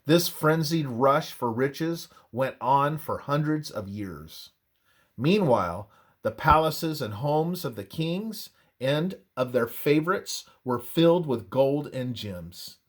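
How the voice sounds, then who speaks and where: This is a deliberate, unhurried reading of scripted religious history by a male narrator with a mid-pitched voice. His delivery is expressive, with widely varied intonation.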